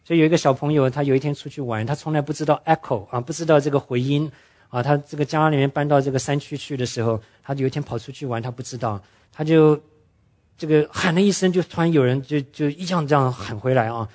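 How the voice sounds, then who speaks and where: A man preaching a sermon, telling stories earnestly and slowing down to stress his main points. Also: on the high side, a little mellow. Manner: earnest storytelling preacher, drops English words into speech; slows down and drops his voice to stress key points. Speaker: pastor.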